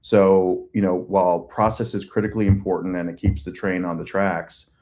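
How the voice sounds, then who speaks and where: A man's voice: sits low, steady tone, moderate pace, mellow. A man in his forties with a Long Island accent, answering interview questions at length in a chatty way with many fillers. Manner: talkative, uses many fillers and restarts. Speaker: agency CEO guest.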